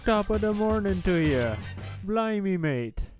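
A man's voice: sits high, lively intonation, unhurried, over music, pitched above the performer's own voice. A man putting on an exaggerated comic Irish accent as a rambling stage-Irish character, stumbling goofily over his words. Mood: goofy. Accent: put-on Irish. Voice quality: exaggerated, mumbled put-on brogue. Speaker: co-host.

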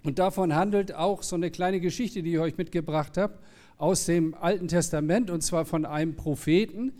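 High-voiced man preaching casually. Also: normal speed, warm tone. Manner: casual, anecdotal, explains plainly with everyday examples. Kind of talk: conversational sermon.

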